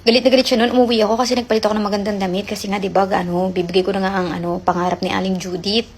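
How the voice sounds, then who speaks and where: A woman's voice: medium pitch, level tone, very fast, a little hiss or hum. A woman telling a rambling personal story in casual chat, chatty and full of fillers. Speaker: caller sharing a relationship story.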